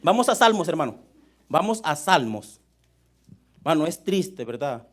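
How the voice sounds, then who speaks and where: A man's voice: on the high side, very animated, measured pace, a bit bright. A young man preaching a sermon, often calling out to his listeners as brother. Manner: fervent, repeats "mano" and "hermano" as address. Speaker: pastor.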